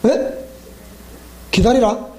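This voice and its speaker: A man's voice: extremely slow, dark tone, slight background noise. A male pastor with a Gyeongsang accent, preaching in a joking way, quizzing the congregation and laughing often. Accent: Gyeongsang Korean. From South Gyeongsang, Korea. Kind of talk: sermon at a weeknight Bible school. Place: church.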